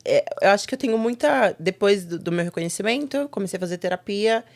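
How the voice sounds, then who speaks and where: A young adult woman, a guest in a casual interview, telling stories with lively quoted asides. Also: medium pitch, gravelly. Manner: animated storytelling with quick quoted asides.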